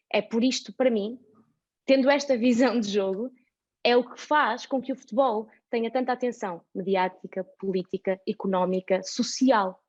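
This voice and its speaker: A woman's voice: a little high, a little mellow, dull audio. A woman with a European Portuguese accent, a guest in a casual chat, talking animatedly with lots of examples. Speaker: podcast guest.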